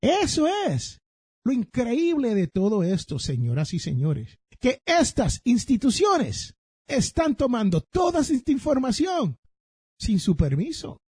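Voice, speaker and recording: A Puerto Rican man hosting a personal finance podcast, telling stories in an animated way and speaking straight to his listeners. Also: extremely high pitch, measured pace, husky, no echo, clean studio sound. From Puerto Rico. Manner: animated storytelling, addresses listeners directly. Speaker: podcast host.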